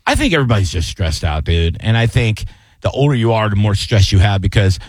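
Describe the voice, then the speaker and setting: A man's voice: on the low side, very animated, brisk, no echo. A middle-aged man hosting a radio call-in show, joking casually with his co-host and callers. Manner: laid-back, joking, calls people bro and dude.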